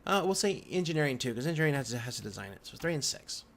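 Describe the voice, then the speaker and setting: A gravelly, medium-pitched man talks in a very animated, rapid-fire way as he leads a casual, unscripted software tutorial from his computer indoors. He murmurs and thinks aloud as he goes, and the recording picks up background noise of typing and mouse clicks.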